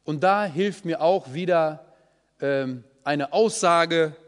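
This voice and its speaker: Guy teaching bible study, fairly high voice, lots of ums and "ja?", long echoey hall. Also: slow pace. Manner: explanatory, often asks the audience "ja?".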